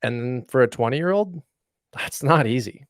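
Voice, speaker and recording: A man's voice: medium pitch, lively intonation, a little slow, dry recording, clean studio sound. A man co-hosting a casual fantasy baseball podcast, talking in a loose, rambling way with many fillers. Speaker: podcast co-host.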